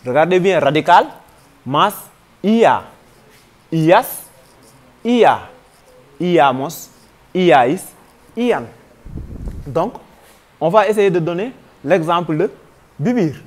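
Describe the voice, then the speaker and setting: Slow, patient Senegalese French teacher. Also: male voice, fairly high pitch, lively intonation. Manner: patient, spells out conjugations one by one. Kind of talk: slow grammar lesson.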